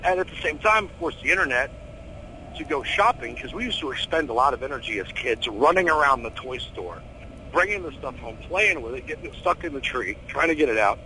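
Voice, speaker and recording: A middle-aged American man chatting casually in an interview, animated, opinionated and full of slang. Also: medium pitch, a little fast, slight background noise, poor audio. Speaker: horror host being interviewed.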